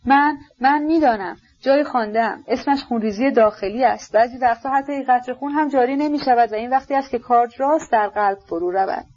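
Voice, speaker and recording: A woman reading aloud, voicing a gentle, anxious young man who halts and searches for his words. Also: fairly high pitch, lo-fi sound, voice pushed up, close to an everyday voice. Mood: excited.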